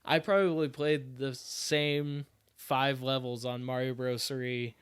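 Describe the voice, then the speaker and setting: A man co-hosting a podcast, talking in a relaxed, chatty way with lots of fillers. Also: medium pitch, slow, clean tone, dry recording. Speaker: podcast co-host. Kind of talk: casual chat.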